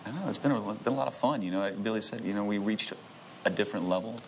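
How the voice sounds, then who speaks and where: A band member, a man, answers at a quick pace in a fairly low voice, easygoing and hedging. A faint hiss sits beneath him. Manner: easygoing, hedging with "kinda" and "I don't know". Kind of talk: casual talk-show interview.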